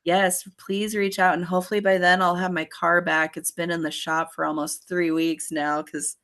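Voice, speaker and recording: A woman in her thirties, a podcast guest, chatting upbeat and rambling, her voice going hoarse. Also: on the low side, level tone, normal speed, a bit bright. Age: 30s. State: hoarse, voice failing. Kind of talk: casual chat.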